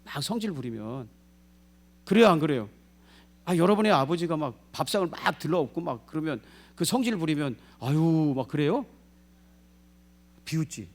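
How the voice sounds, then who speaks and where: A male pastor preaching a sermon in a lively way, putting questions to the congregation and acting out what people say. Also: a little high, normal speed, long pauses. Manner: lively, asks the congregation questions, acts out quoted speech.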